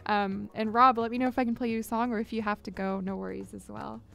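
On her live music stream, a young woman chats informally with viewers, her mouth close to a large studio mic on a boom in a small home studio, headphones on. Her medium-pitched voice is creaky and slightly bright, fast, with a level tone. She comes across as upbeat and talkative, squealing greetings to viewers.

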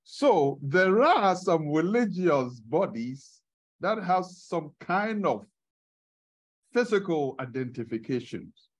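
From a camera at the back of a church meeting room, we hear a middle-aged man preaching to his congregation. His voice is a little high and sing-song, and he takes his time, putting questions to the listeners as he goes.

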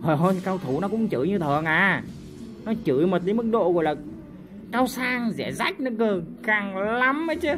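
A man doing lively, teasing commentary over his own gameplay, with mouth sound effects and sudden shouts. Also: sits high, fairly quick, noisy background. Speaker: gaming YouTuber. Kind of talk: live game commentary.

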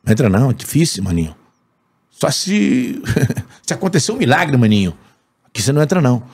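A man acting out a dismissive doorman with a Brazilian Portuguese accent, waving a visitor away over and over. The voice is husky and swings up and down. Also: medium pitch, sing-song, fairly quick, darkish tone. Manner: dismissive, keeps repeating "maninho". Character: gruff male doorman, brushing visitors off.

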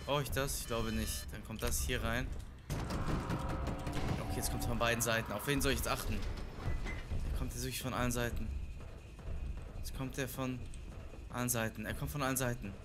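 A man commenting on a horror game as he plays it. He gets excitable, repeats himself a lot, and swings between shouting and quiet muttering. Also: mid-range voice, normal speed, long pauses, over loud music. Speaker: let's player. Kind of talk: live gaming commentary.

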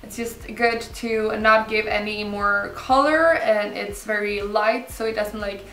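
A young woman casually talking through a makeup tutorial in an informal, unhurried way. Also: mid-range voice, fairly even intonation, fairly bright tone. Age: young adult. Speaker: beauty vlogger. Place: indoor room set up for filming, backdrop. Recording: roomy, slightly distant mic, music behind.

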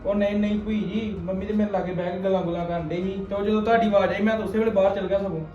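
A man's voice: high-pitched, steady tone, muffled recording, close to an everyday voice. A young man playing a farm family's son who soothes his aunt, in a scripted family drama. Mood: placating. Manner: soothing, quick-talking. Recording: echoey room.

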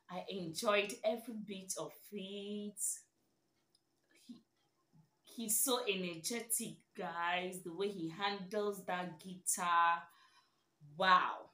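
A woman's voice: fairly low pitch, slow, sharp tone. Delighted, amazed young woman in echoey room. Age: young adult. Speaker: host of a music reaction video. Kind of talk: casual reaction commentary to camera. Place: small indoor room.

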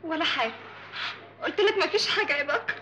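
An actress playing a troubled young wife, speaking with an Egyptian accent, pleading and evasive. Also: female voice, very high voice, animated, fast, bright, forceful tone, heavily acted. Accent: Egyptian Arabic.

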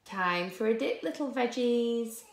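A woman's voice: on the high side, expressive, a little slow, echoey room, pitched above the performer's own voice. A woman playing a cackling villain pea. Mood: menacing. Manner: gleeful, shouty, mocking. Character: cackling naughty little pea villain, male.

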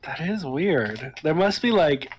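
A man's voice: fairly high pitch, sing-song, slow, a crowd in the background. A man streaming a game, chatting casually on a headset. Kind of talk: casual chat while playing a game.

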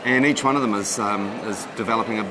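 A man's voice: lowish voice, fast talker, noisy background. A middle-aged man, a head brewer, explaining his work steadily in a documentary interview, with frequent ums and restarts. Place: brewhouse beside a brick kettle.

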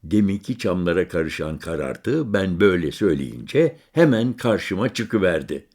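A man narrating a literary story in the first person, calm and measured, lingering over lists. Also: low-pitched. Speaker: audiobook narrator.

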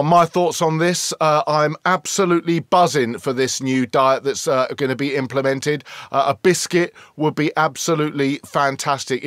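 A middle-aged English man impersonating an earnest, excitable football news pundit in a parody, repeating himself haltingly and starting upbeat before tailing off. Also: fairly high pitch, no echo, clean studio sound. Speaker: impressionist presenting a football channel parody. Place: small room at home, indoors.

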